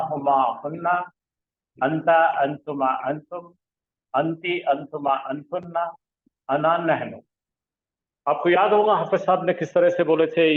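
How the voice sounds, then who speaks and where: A man teaching an Arabic grammar class, drilling pronouns with call-and-response questions. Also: fairly high pitch. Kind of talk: classroom lesson. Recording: echoey room over a tinny phone-like line.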